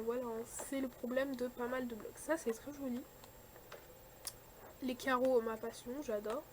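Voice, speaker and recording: A young woman chatting casually through a shopping haul, full of fillers and quick likes and dislikes. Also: a little high, a little mellow, slight background noise. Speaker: vlogger showing a shopping haul. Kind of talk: casual chat.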